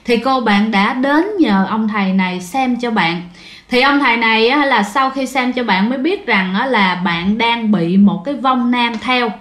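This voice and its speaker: A woman's voice: fairly high pitch, normal speed, fairly bright tone. A woman with a Southern Vietnamese accent hosting a ghost story show, telling the tale in a chatty way and speaking straight to her listeners. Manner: chatty, addresses listeners directly. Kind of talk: casual spoken storytelling. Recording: roomy echo.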